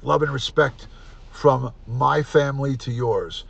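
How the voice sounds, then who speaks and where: Gravelly-voiced New man in his fifties. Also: mid-range voice, fairly even intonation, unhurried, a bit bright, muffled recording. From United States. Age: 50s. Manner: chatty, reads out viewer names and thanks them. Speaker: live stream host. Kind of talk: casual live stream sign-off.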